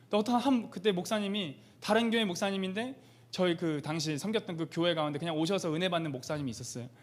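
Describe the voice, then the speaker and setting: A young man preaching in a church, his voice notably high for a man and his words tumbling out fast. He tells his story with fervent, impassioned conviction, rising to earnest crying out. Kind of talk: sermon testimony. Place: church sanctuary.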